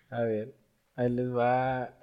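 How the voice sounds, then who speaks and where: Slangy Mexican man, mid-pitched casual banter. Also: very slow, muffled recording. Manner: slangy, profane. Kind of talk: casual banter among friends.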